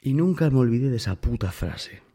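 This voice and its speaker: Casting: man, dark husky voice, emphatic casual storyteller. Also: mid-range voice, expressive, a little fast. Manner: emphatic, addresses the listener directly.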